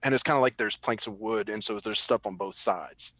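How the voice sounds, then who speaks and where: A man's voice: fairly low pitch, brisk, a bit bright, no echo. A man narrating as game master, describing scenes in a rambling way with frequent restarts.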